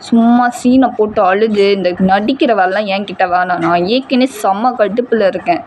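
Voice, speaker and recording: A woman's voice: mid-range voice, normal speed, slight background noise, lightly acted. A woman playing a furious short-tempered young man. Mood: angry. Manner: shouting, scolding, harsh.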